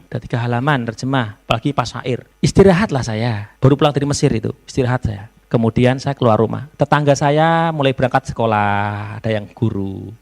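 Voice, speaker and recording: A man gives a university lecture to students in a lively storytelling way, slipping into phrases. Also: mid-range voice. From Indonesia. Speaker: novelist giving a guest lecture. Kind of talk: public lecture.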